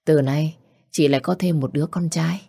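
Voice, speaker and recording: A woman voicing a kind, warm-hearted middle-aged mother who speaks gently and earnestly. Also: low-pitched, fairly even intonation, moderate pace, creaky, breathy edge, no echo, clean studio sound, heavily acted. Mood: fond.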